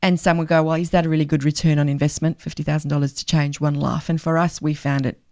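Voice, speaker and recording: A woman's voice: low-pitched, level tone, fast, mellow. Guest: middle-aged woman, faint South African accent, earnest and emphatic. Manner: earnest, emphatic, thinks aloud with fillers. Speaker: guest, charity leader. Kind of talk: podcast interview.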